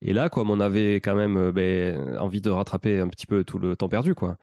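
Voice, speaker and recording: A man in his thirties with a Toulouse accent, telling his life story as a podcast guest in a relaxed, rambling way with many fillers. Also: low voice, a little fast, no echo, studio quality. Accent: Toulouse French. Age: 30s. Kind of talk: casual conversational storytelling.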